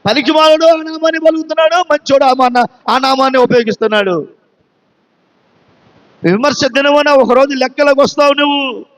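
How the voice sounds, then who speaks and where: Pastor, male, Telugu accent, very high voice, emphatic sermon delivery with rhetorical questions, long hall reverb. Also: moderate pace, long pauses. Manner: emphatic, repeats phrases.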